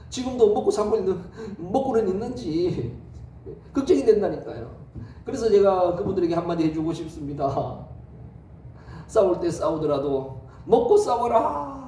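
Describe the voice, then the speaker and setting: A man's voice: high voice, warm tone. A male pastor preaching a sermon, telling the story with lots of rhetorical questions. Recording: echoey hall, distant mic, faint noise.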